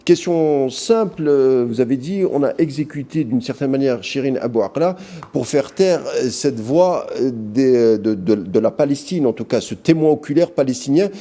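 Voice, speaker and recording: A man hosting a TV interview, asking questions in formal, measured phrasing. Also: mid-range voice, lively intonation, dark tone. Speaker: TV news host.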